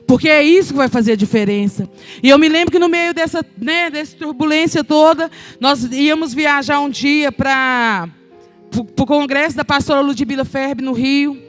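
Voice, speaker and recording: Woman, middle-aged, Brazilian accent, high voice, emotional testimony sermon to a congregation, faint music under it. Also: moderate pace. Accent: Brazilian Portuguese. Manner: emotional, addresses the congregation as brothers. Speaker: children's ministry speaker.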